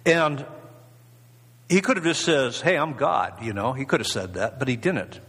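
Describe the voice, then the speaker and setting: Male preacher, husky mid-pitched voice, casual rambling delivery, long hall echo. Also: sing-song, moderate pace, fairly bright tone. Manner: rambling, conversational, many fillers and restarts. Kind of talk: informal sermon.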